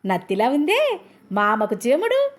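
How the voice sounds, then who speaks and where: A woman's voice: high-pitched, huge pitch swings, a little slow, full character voice. A woman voicing a rude male customer who mocks a family's flaws. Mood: mocking. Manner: mocking, laughing.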